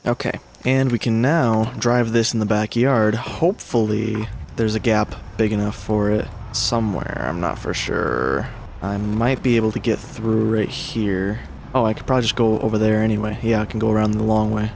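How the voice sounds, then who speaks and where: A man's voice: lowish voice, normal speed, vocal fry, a little mellow, a little hiss or hum. A man giving casual let's-play commentary as a gaming creator, rambling and correcting himself, swearing when things go wrong. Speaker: gaming YouTuber.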